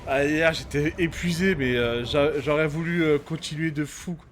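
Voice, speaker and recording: A man's voice: fairly high pitch, fairly even intonation, normal speed, a little hiss or hum. A man giving casual, slangy gameplay commentary in an informal manner. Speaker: gamer commenting on own play.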